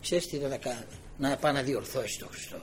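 A man preaching a sermon, firing rhetorical questions and swinging from low murmurs to loud exclaiming. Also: slight background noise.

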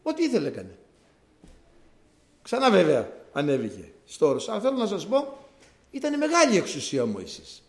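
Lively Greek-speaking preacher man, echoey. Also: sits high, vocal fry. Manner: explanatory, conversational, repeats key words for emphasis. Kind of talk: sermon.

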